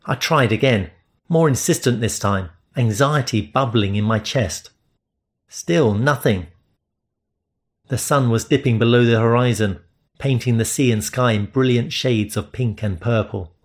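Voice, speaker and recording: A man reading first-person romance narration in a steady, measured way. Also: mid-range voice. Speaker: audiobook narrator.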